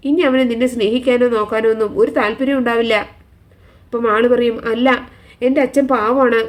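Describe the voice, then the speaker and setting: Female storyteller, slightly high voice, chatty, retells a serial plot and voices all the parts herself. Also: a little mellow. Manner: chatty, keeps the listener engaged.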